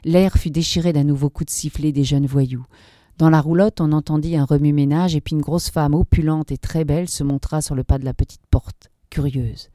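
A woman reads a dark tale aloud with measured drama. Her voice sits low and mellow, recorded close and dry. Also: fairly even intonation, no echo. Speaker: narrator. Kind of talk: scripted story reading.

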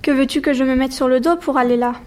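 A woman's voice: high voice, steady tone, quick pace, a little mellow, close to an everyday voice. A woman voicing a discontented, vain young wife in an audiobook story, speaking in a plaintive, sulky way. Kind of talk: audiobook dialogue.

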